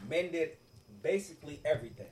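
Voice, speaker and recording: A man's voice: a little high, lively intonation, fairly quick, crowd noise. A man debating casually with friends, slangy and emphatic, often repeating himself to make his point. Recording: some background noise and room ambience.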